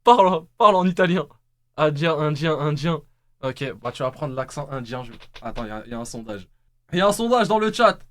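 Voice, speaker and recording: A man's voice: fairly high pitch, expressive, fairly quick. A young man hosting a live stream, teasing his guest and laughing often. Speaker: host.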